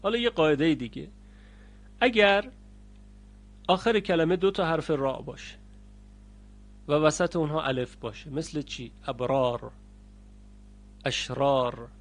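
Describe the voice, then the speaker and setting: A man teaching the rules of Quranic recitation. He speaks to his students and stops to chant each example word slowly and loudly. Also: on the high side. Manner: addresses learners directly. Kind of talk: recorded lesson on Quranic readings.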